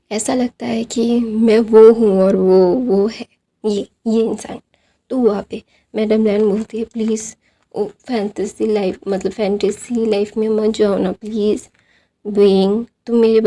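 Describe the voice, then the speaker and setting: A woman's voice: medium pitch, mellow. A woman casually retelling a fan story, speaking each character's lines in her own voice and mixing in English phrases. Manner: reads out quoted lines of several characters in her own voice, with fillers.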